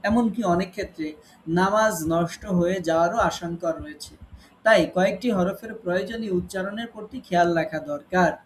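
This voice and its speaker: A man teaching an online tajweed class, patiently explaining rules and slowly reciting Arabic examples. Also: high-pitched, a little hiss or hum. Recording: echoey room with faint ambience.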